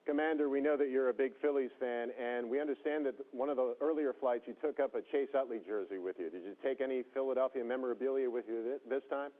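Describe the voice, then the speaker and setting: A man working as a TV news interviewer, asking formal, measured questions over a radio link to a space station. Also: mid-range voice. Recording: tinny phone-like radio link.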